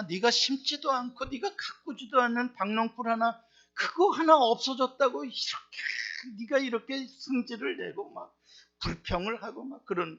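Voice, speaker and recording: A man's voice: very high-pitched, fairly bright tone, dull audio, heavily acted. God pleading tearfully, as a man preacher acts it out. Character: God, pleading patiently with a sulking prophet.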